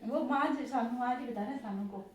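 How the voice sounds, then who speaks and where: A woman's voice: on the high side, fast, a little mellow. A woman casually narrating her home vlog, passing on her family's conversation to her viewers. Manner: chatty, relays family talk to viewers. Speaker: home vlogger. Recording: distant echoey room.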